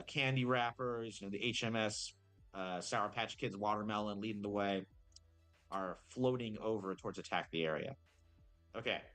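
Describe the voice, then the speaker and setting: Low-voiced man narrating a tabletop game. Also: fairly bright tone. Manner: rambling, full of fillers and self-corrections. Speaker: game master.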